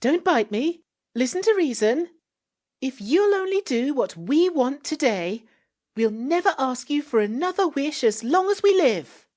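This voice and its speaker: An earnest, dramatic young girl from a children's storybook, breathless and pleading. Her voice sits very high and swoops about. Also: very animated, measured pace, darkish tone. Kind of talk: storybook reading.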